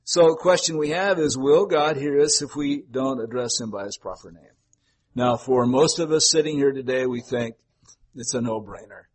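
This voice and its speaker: An older man delivers a sermon in a relaxed, conversational manner, chatting with his congregation rather than orating. His voice has a husky, slightly breathy edge, and it sits at an ordinary middle pitch. He wanders into folksy asides as he talks. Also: moderate pace. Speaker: pastor.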